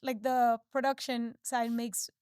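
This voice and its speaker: High-voiced chatty young woman. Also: little pitch movement, unhurried, a little mellow, smooth, no echo, clean studio sound. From Peru and the United States. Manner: chatty, heavy use of filler "like". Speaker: podcast guest. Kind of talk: casual interview chat.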